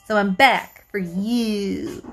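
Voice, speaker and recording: Woman podcast co-host, casual chat, rambling and playful, mid-pitched voice. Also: takes it slowly, a bit bright, soft background music. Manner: rambling, playful, lots of "like" asides.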